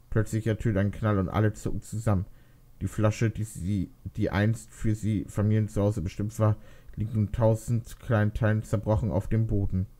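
Mellow-voiced man reading fan fiction. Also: fairly low pitch. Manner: casual, stumbles and corrects himself. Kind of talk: reading a story aloud over gameplay.

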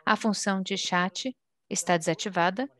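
Female live interpreter, Brazilian accent, mid-range voice, delivering formal remarks in measured phrases. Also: medium pitch, a bit bright. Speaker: simultaneous interpreter.

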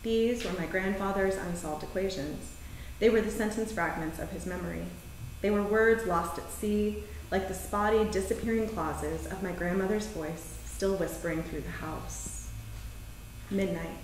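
Recorded by a far-off camera microphone in a very echoey theater with faint noise, a woman in her thirties presents her own literary work from the stage. She reads poetry and prose with brief introductions, measured and deliberate. Her voice is mid-range with fairly even intonation.

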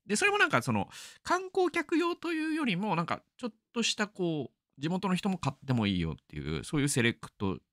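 A man's voice: on the high side, fairly bright tone, dry recording, studio quality. A middle-aged man hosting a radio show, talking casually and rambling, laughing often. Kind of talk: casual solo talk.

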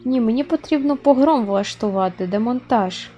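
A woman's voice: fairly high pitch, moderate pace, warm tone, faint music behind. A woman giving casual gameplay commentary, chatting straight to her viewers as she plays. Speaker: gaming video host.

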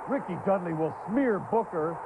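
Man, football commentator, high-pitched, play-by-play, loud stadium noise. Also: expressive, moderate pace, narrow, tinny audio.

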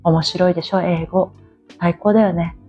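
A woman's voice: fairly low pitch, fairly even intonation, normal speed, slightly rough, dull audio, faint music behind. A woman teaching as an English coach in a casual lecture, coaxing her listeners and sounding out words as she drills them.

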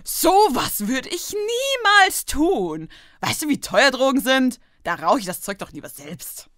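A woman voicing a brash, shameless, mischievous alicorn pony princess in a fan audio drama, blunt, teasing and expressive. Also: high voice, unhurried, no room sound, clean studio sound, exaggerated voice. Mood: mock offended.

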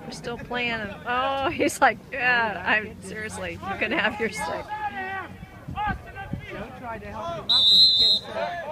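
A woman filming a youth lacrosse game from the sideline, shouting encouragement to players and chatting in low asides. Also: a little slow, long pauses. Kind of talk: cheering and sideline chat. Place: outdoor lacrosse field sideline. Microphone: camcorder mic. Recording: camcorder audio with crowd and wind noise. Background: spectator crowd and outdoor noise.

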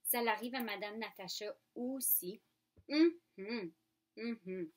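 A woman teacher with a Franco-Ontarian French accent, leading young children through a phonics lesson in slow, clear, coaxing speech. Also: fairly high pitch. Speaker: kindergarten teacher.

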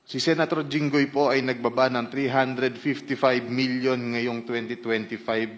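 A man's voice: mid-range voice, level tone, normal speed. A man with a Filipino accent giving formal testimony as a witness, reading out a statement that mixes Tagalog and English.

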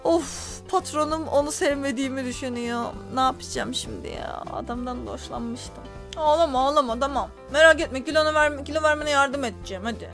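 A woman's voice: high-pitched, brisk, few pauses, a bit bright, faint music behind. A young woman casually commenting while she plays a story game, talking with dramatic, teasing flair. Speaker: gaming YouTuber. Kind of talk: let's play commentary.

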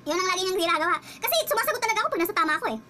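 A chatty woman vlogger telling a story about her job as a driver, laughing as she goes. Her voice is very high and bright, and she talks quickly. A faint room ambience hums behind her. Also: lively intonation, slight background noise. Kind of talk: casual storytelling vlog.

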